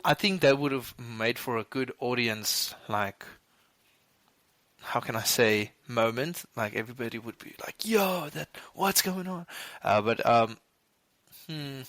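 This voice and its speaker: The co-host of a movie podcast talks in a mid-range, fairly bright voice, recorded with no room sound. His casual chat is rambling, full of restarts and quick laughs.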